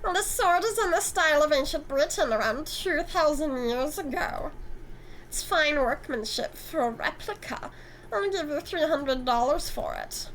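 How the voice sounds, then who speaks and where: Smug, condescending male dealer in a game, drawn-out sneering lines, high and sharp; a woman voices him. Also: lively intonation, a little hiss or hum, low-quality recording. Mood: haughty. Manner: drawling, theatrical, sneering.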